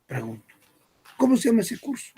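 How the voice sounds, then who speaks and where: A man's voice: extremely high pitch, sing-song, brisk, warm tone, husky. A man teaching a language class, asking questions and then answering them himself, with a firm stress on the key terms. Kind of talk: classroom lecture.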